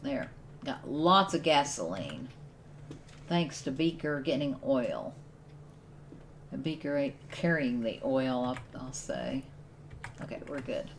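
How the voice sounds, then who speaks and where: A woman's voice: a bass voice, lively intonation, slow, pauses often, a little hiss or hum. A woman streaming a survival game, giving casual commentary and thinking aloud as she plays. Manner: thinks aloud while playing, with restarts and laughs.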